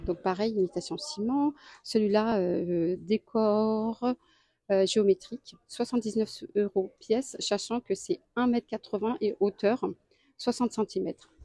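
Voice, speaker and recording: A woman's voice: mid-range voice, steady tone, warm tone, no echo. Woman walking a store aisle. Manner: chatty, lists prices and sizes with many pauses. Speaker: deal-hunting vlogger. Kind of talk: casual store walkthrough. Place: home improvement store aisle.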